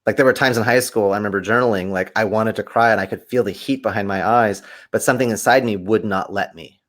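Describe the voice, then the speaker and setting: A man, a podcast guest, telling stories animatedly in conversation and acting out quoted voices with big swings in pitch. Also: fast, fairly bright tone. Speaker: podcast guest, kung fu teacher.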